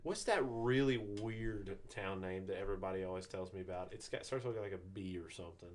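Guy cohosting a podcast, kinda low voice, joking around about how folks say words. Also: brisk, darkish tone, slight background noise. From North Carolina. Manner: playful, teasing about regional pronunciations. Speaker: podcast co-host. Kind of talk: casual chat.

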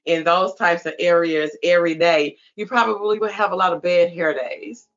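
A woman hosting an interview, asking brisk, teasing questions. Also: lowish voice, steady tone, muffled recording. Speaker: interviewer host. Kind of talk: casual interview.

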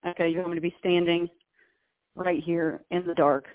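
A woman phones in to a chat show, and her voice reaches us over a bad, breaking-up line that sounds thin and tinny. The sound is dry and close, with dropouts in the signal. She talks in a wry, deadpan way. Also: fairly low pitch, moderate pace, dry recording. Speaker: podcast co-host calling in from abroad. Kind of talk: casual chat.

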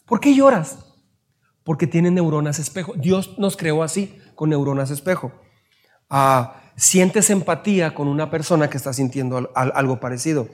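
A man's voice: a little high, normal speed. A man with a Mexican Spanish accent preaching a sermon, asking his listeners questions and acting out little scenes in raised voices. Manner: asks the audience questions. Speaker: pastor.

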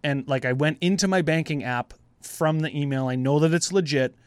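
A podcast host with a fairly high, clean voice chats casually and a bit fast, telling animated stories full of slang, swearing, and acted-out conversations. The recording is dry.

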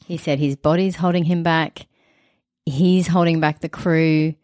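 A woman's voice: low-pitched, fairly even intonation, a little slow, a little mellow, no echo, clean studio sound. A woman co-hosting a casual podcast, chatty and giggly as she recaps the episode. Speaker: podcast co-host.

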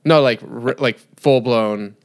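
A man's voice: medium pitch, slow. A young man co-hosting a casual podcast chat from home, joking and throwing out questions. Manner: joking, asks questions and bounces between ideas. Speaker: podcast co-host. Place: home, remote recording.

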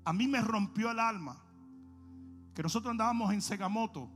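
A man preaching an animated sermon, acting out stories and swinging between shouting and low asides. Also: normal speed, soft background music.

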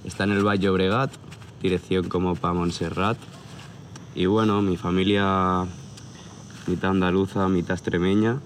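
A tattoo artist of about thirty from near Barcelona, Spain, chats casually and rambles a little in an outdoor interview at a hilltop viewpoint at sunset, relaxed and hesitant. His voice is low, at normal speed with long pauses, and crickets, outdoor ambience and a little hiss or hum sit behind him.

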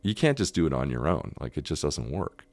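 Deep-voiced Canadian-born man, earnest and emphatic. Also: sing-song, fairly quick, a little mellow, no room sound. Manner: earnest, emphatic, repeats words while thinking. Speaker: guest restaurant owner. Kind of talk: casual podcast interview.

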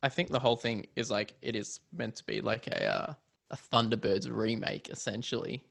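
A man's voice: fairly low pitch, steady tone, normal speed, gravelly, a bit bright. A young man in easygoing casual chat, mostly giving short agreeing replies.

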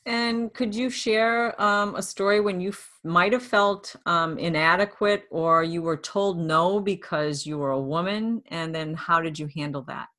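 A woman's voice: fairly low pitch, measured pace, hardly any pauses, fairly bright tone. A woman interviewing a fighter, often repeating words and restarting sentences as she forms her questions. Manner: hesitant, repeats words while forming questions. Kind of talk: casual interview chat.

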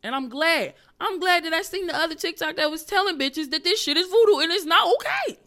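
A woman comedian hosting her podcast alone, ranting in loud, profane, animated bursts that sometimes drop to a whisper. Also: very high-pitched, brisk. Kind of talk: solo comedic rant.

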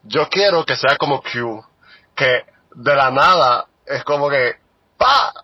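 Husky man on a dull voice message. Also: medium pitch, measured pace, dry recording. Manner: chatty, mixes in English. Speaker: voicemail caller. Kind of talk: casual voice message.

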